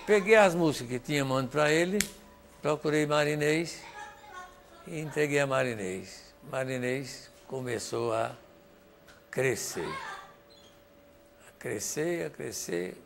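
A man's voice: medium pitch, slow pace, vocal fry, long pauses, a little hiss or hum. An older man with a Northeastern Brazilian accent, a songwriter telling stories and acting out the dialogue as he goes. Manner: animated, acts out dialogue and sings snippets. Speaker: songwriter giving testimony. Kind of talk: storytelling testimony.

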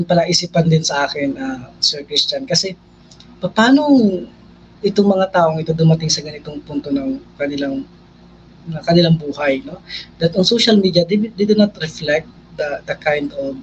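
Young man, priest, earnest interview talk, high voice, slightly dull recording. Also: slight background noise. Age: young adult. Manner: earnest, mixing Tagalog and English, animated rises. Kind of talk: conversational interview.

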